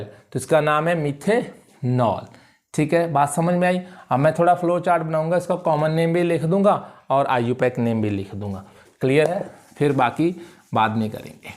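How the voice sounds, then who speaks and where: A male chemistry teacher giving a classroom lecture. He keeps asking whether students follow and repeats key terms slowly so they can write them down. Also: on the high side. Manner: checks understanding with repeated questions; calls students "beta" warmly.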